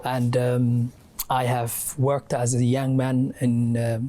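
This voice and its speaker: A young man from Somalia, a guest adviser and academic, answering interview questions in a halting way with many fillers and restarts. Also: mid-range voice, monotone, warm tone. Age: young adult.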